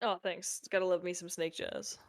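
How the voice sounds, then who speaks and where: A woman's voice: lowish voice, flat delivery, normal speed, dry recording, studio quality. A woman chatting casually and wryly as a player in a tabletop role-playing game. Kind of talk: casual wry game chat.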